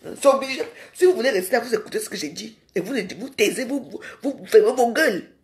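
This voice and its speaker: A woman's voice: a little high, lively intonation, fast talker. Scolding woman ranting online. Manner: confrontational, scolding, repeats rhetorical questions. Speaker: social media personality. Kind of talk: live video rant.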